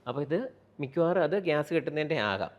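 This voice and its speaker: A man who is a pediatrician with a Kerala Malayalam accent, calmly explaining child health and dropping in English medical terms. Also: fairly high pitch, quick pace, lo-fi sound. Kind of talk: explaining to an interviewer.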